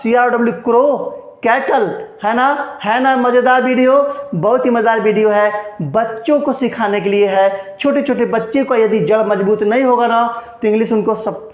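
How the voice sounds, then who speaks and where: A man's voice: very high voice, fairly even intonation, normal speed, reverberant. A man teaching a basic English lesson, explaining word sounds and meanings, constantly asking questions and answering them, and encouraging his students. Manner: drills words with repeated questions and answers; encouraging, promises and blessings to students.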